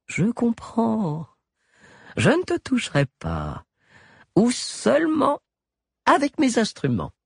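A man's voice: extremely high pitch, wildly swooping pitch, slow pace, creaky, long pauses, slightly rough, no room sound, clean studio sound, pitched above the performer's own voice, heavily acted. A man playing a smiling, honeyed doctor who talks down to his patient like a child. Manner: sugary, reassuring, condescending. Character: smiling honeyed male doctor, creepily soothing.

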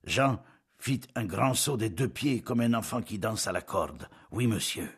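A man voicing a tall, stooped, sickly Corsican villager who drawls his words in a flat monotone. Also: fairly low pitch, unhurried, breathy edge, voice pushed up, full character voice. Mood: flat, matter-of-fact.

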